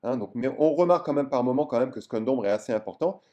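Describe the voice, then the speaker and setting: A man explains ultrasound to other doctors in a loose, chatty lesson, full of hesitations and eager asides. His voice is mellow and dark, and his pitch sits in an ordinary middle range. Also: expressive, fast. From France. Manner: chatty, enthusiastic, many fillers. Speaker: general practitioner teaching ultrasound. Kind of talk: casual video lesson.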